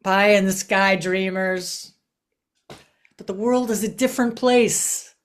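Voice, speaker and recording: A woman playing a vicious, cynical lawyer in an improvised comic scene, talking brashly and deadpan over a video call. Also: mid-range voice, takes it slowly, lightly acted.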